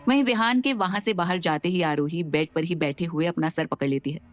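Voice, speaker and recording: A woman giving steady, expressive scripted narration for an audio drama. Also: on the low side, fairly quick. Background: faint background music.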